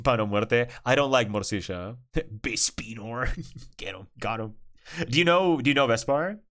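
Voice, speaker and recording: A man's voice: medium pitch, fairly bright tone, smooth. A man from Argentina, chatting casually and playfully with his stream chat and swearing freely.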